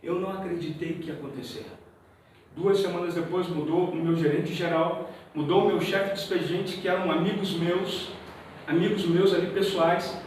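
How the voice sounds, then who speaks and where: A man with a Brazilian accent giving a testimony to a church congregation, telling his story in a lively way and acting out the dialogue. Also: sits high, normal speed, slight background noise. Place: church hall. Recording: very echoey hall, mic far off.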